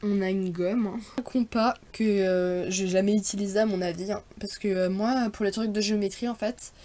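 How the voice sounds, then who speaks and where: A woman's voice: mid-range voice, fairly even intonation, warm tone. Chatty teenage girl vlogger. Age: teens. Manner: chatty and hesitant, many fillers and quick apologies. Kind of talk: casual back-to-school haul vlog.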